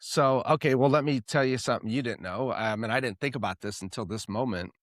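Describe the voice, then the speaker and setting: A man's voice: medium pitch, fast talker, dry recording, studio quality. A man hosting a podcast, telling a story in casual chat and acting out the voices in it. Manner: animated storyteller, acts out quoted voices. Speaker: podcast host.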